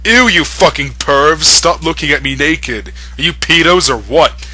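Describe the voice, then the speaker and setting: A man's voice: a little high, unhurried, pushed and bright, no echo, faint music behind, voice pushed up, full character voice. A man voicing a melodramatic, angry, foul-mouthed teenage goth girl in a comic fan fiction reading, with indignant, dramatic outbursts.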